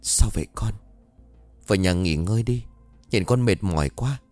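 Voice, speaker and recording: A man's voice: on the low side, normal speed, darkish tone, no room sound, faint music behind, natural voice. A man voicing a worried older village mother who speaks anxiously and pleadingly.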